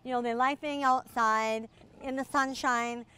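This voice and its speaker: Folksy woman farmer with a higher voice. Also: fairly even intonation, a little slow, pushed and bright, smooth. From Minnesota. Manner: easygoing, folksy, many "you know" fillers. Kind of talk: casual farm tour interview. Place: outdoors on a farm.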